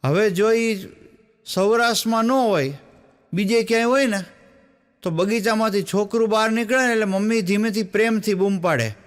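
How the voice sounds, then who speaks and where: A man's voice: high-pitched, normal speed, in a large hall. A male stand-up comedian, telling jokes in a chatty storytelling way and prompting the audience.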